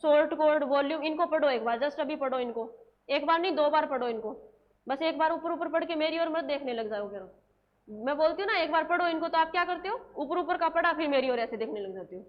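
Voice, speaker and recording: Woman teacher, high voice, repetitive question-and-answer drilling, slow dictation; slightly dull recording. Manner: slows right down to dictate English terms word by word. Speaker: nursing exam coaching teacher. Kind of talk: classroom lecture, dictating notes.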